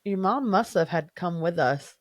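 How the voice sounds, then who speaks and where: A woman's voice: on the low side, lively intonation, normal speed, no echo. Chatty woman podcast co-host, dry sound. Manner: chatty, giggly, adds "like" and "um" a lot. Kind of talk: casual conversation.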